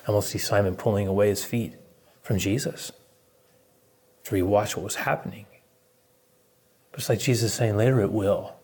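A male pastor preaching a sermon in an animated storytelling manner, chuckling often as he retells a scene. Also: on the low side, moderate pace, pauses often, husky.

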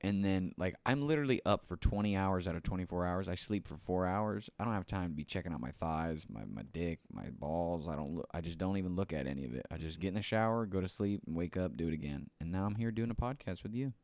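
Deep guy doing podcast banter, frat bro type, jokey and sweary, super dry sound. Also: lively intonation, fast talker, few pauses, a little mellow, no room sound. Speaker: podcast host. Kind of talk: casual banter, this-or-that game.

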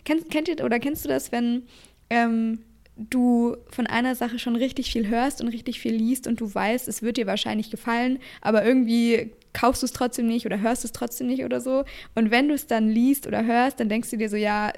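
A young woman co-hosts a casual podcast and talks with eager, gushing enthusiasm. Her voice sits a little high with a noticeable gravelly fry. She drops casual English words into her chatter. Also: steady tone, normal speed, darkish tone. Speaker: podcast co-host. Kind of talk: casual chat.

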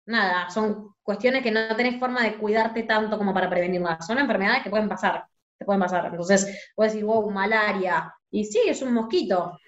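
A young woman speaks as an interview guest with a Rioplatense Spanish accent. She talks loudly and tells her stories in a lively way. The recording sounds a little dull and muffled. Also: medium pitch, fairly quick. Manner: loud, lively storyteller. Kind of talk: casual interview.

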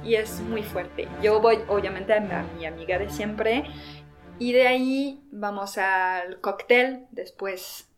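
A young woman from France telling a personal story about competing in a beauty pageant in a casual, lively way. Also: medium pitch, takes it slowly, soft background music. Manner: lively, quotes herself and others in acted voices. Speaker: former pageant contestant.

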